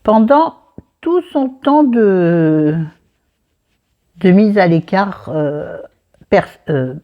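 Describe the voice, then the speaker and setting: Speaking very slowly in an expressive mid-range voice, with the highs cut off, a woman with a southern French accent does her makeup at her dressing table. She's a book vlogger chatting casually about a book, rambling, digressing and talking to herself, captured by a camera facing her mirror.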